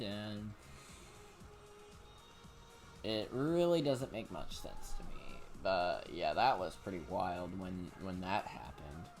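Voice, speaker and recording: A young man rambling casually over gameplay, full of fillers and restarts. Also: fairly low pitch. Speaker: let's play commentator.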